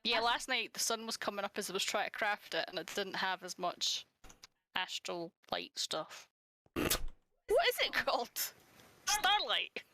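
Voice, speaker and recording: A woman's voice: mid-range voice, moderate pace, bright, forceful tone, slight background noise. A woman chatting playfully with her husband as they play a game together on his stream. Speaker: streamer's wife and co-player. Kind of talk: casual chat while gaming.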